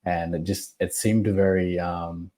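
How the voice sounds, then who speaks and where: A man being interviewed as a podcast guest, talking slowly and reflectively with many pauses. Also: low-pitched, flat delivery, mellow. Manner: slow, measured, thoughtful with pauses.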